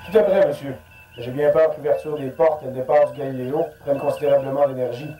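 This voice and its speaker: A man's voice: medium pitch, fairly even intonation, fast talker, warm tone, lightly acted. An actor playing a dutiful, anxious junior starship crewman in an audio drama. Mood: dutiful, worried. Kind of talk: French audio drama acting. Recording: echoey room, faint background noise.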